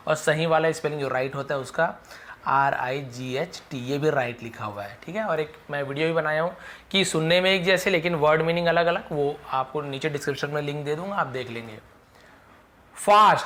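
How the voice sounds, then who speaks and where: A man teaching English vocabulary to Hindi speakers, calling out each word loudly and then explaining its meaning more quietly and patiently, with repetition. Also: a little high. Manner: patient, repeats the meaning several times.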